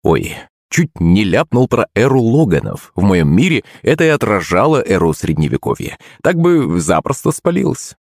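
Wry man with lively intonation. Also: lowish voice, normal speed, creaky, no room sound, clean studio sound. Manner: wry, ironic. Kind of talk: first-person audiobook narration.

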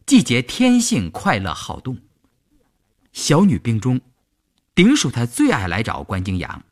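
Highly expressive male storyteller. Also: measured pace. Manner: expressive, dramatic reading. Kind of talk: storybook narration.

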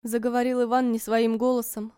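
Smooth-voiced woman narrating a story. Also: on the high side, flat delivery, a little fast, dark tone, no room sound, studio quality. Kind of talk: first-person story narration.

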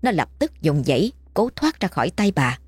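A woman, reading a ghost story in brisk, scripted audiobook narration. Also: lowish voice, big pitch swings, darkish tone, slightly rough, no echo, faint music behind.

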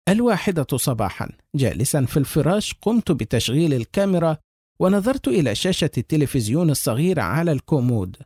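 A man's voice: fairly high pitch, big pitch swings, fast talker, a little mellow, slightly rough, dry recording, studio quality. A man narrating a horror story with tense, suspenseful delivery.

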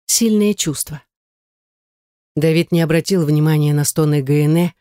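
An audiobook narrator reading a novel aloud in a steady, dramatic way. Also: medium pitch, a little slow, no echo, clean studio sound. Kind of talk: scripted narration.

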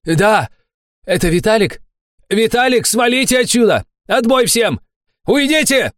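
A man voicing a plump middle-aged businessman, overjoyed and tearful, talking in a high, shouting voice. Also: very animated, normal speed, no echo, clean studio sound. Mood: shouting, elated.

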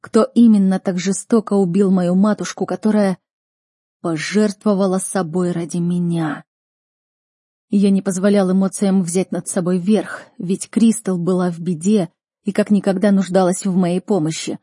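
Husky-voiced woman narrating an audiobook. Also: on the low side, steady tone, normal speed, mellow, dry recording, studio quality. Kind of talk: first-person audiobook narration.

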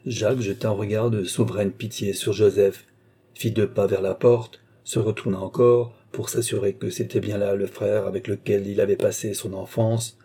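A man giving a measured, even literary audiobook narration. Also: on the low side, husky. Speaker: audiobook reader.

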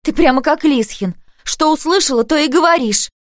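In an audiobook, a woman voices a sensitive, earnest teenage girl who pleads and argues indignantly. Her medium-pitched, slightly mellow voice is raised a bit above her natural one yet stays close to everyday speech, delivered at normal speed in a dry, clean studio recording.

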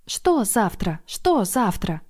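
A woman's voice: on the high side, animated, normal speed, warm tone, pitched above the performer's own voice, lightly acted. A woman voicing a curious, fussy female companion with pert, needling remarks.

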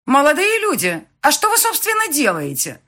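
A woman voicing a stern, indignant middle-aged female registry clerk who scolds loudly in an audiobook. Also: wildly swooping pitch, moderate pace, heavily acted. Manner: shrill, scolding.

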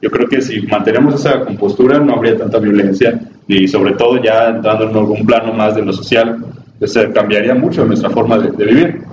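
A Mexican-accented man gives a conversational talk to an audience, often turning to the listeners with questions. He is picked up from some way off in an echoey room. The sound is dull and muffled, with steady noise underneath. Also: lowish voice, brisk. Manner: chatty, asks the audience questions, acts out quoted people. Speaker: psychologist giving a talk. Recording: distant, dull, noisy, roomy recording.

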